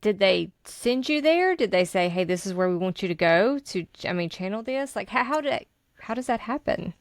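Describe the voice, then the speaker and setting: A woman's voice: mid-range voice, lively intonation, moderate pace, no echo, clean studio sound. A woman hosting a podcast, asking questions and backing the guest with frequent agreement. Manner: supportive, many mm-hmms. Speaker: podcast host. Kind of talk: casual podcast interview.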